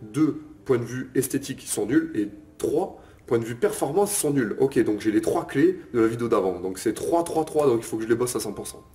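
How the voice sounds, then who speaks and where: A man's voice: medium pitch, expressive, fairly quick, dark tone. Casual male fitness coach, chatty. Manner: informal, addresses viewer as tu, frequent "ok?" and "euh". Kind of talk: casual bodybuilding lesson to camera.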